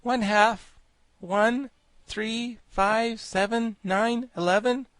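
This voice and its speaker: Man playing a high-voiced, excitable young boy. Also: drawn-out words, no echo, heavily acted. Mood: counting carefully. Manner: exclamatory, petulant. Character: young boy, plucky, excitable and quick to sulk. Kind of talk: storybook character voice.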